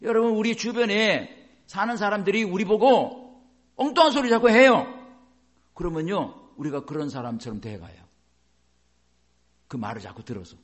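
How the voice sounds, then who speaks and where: Lively, animated male pastor preaching. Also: sits high, normal speed, pauses often. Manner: asks the congregation rhetorical questions; acts out little dialogues in changing voices. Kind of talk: sermon.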